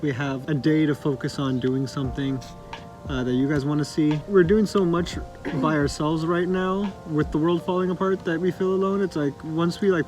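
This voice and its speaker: A man's voice: on the high side, darkish tone. A man co-hosting a vlog, talking casually in informal, conversational phrasing. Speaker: vlog co-host. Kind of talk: casual couple vlog chat. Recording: music behind speech.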